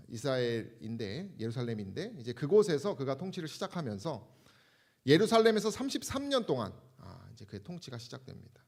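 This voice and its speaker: A male pastor delivers a Bible lecture sermon to his church congregation, pitched at an ordinary middle height for a man. He explains each point in a measured, steady way and points his listeners to the slides as he goes.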